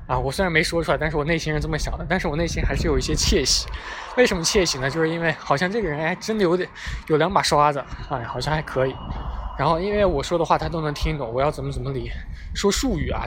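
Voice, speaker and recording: A young man casually telling a funny story, chatty and self-mocking, talking outdoors near traffic. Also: on the high side. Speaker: vlogger. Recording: clear street and traffic noise behind. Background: passing vehicles.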